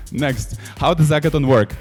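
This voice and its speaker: Brief: man, energetic online event host speaking from his couch at home. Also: on the high side, measured pace, soft background music. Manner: energetic and upbeat.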